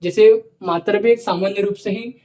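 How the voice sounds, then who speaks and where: A male teacher giving a lecture, repeating phrases slowly so students can write them down, often saying "ठीक है". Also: high voice, steady tone, dark tone. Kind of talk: dictated classroom lecture.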